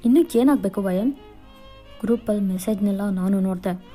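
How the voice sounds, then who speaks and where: A woman's voice: medium pitch, moderate pace, mellow, soft background music, close to an everyday voice. A woman reading a curt, cold young man. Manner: curt, dismissive. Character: cold young man breaking up with his girlfriend.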